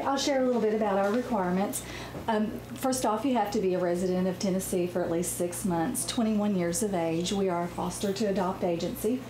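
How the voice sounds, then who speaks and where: A woman foster care team leader runs briskly through requirements on a local TV talk show. Her voice is echoey, with clear background noise around it. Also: medium pitch. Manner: brisk, informative.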